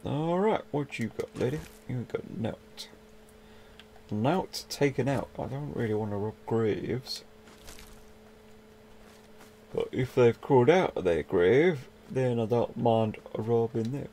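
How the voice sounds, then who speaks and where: A man's voice: medium pitch, animated, measured pace, dark tone, a little hiss or hum. A young man chatting casually through a let's-play, swearing mildly and talking to the game's characters. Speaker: gaming video host.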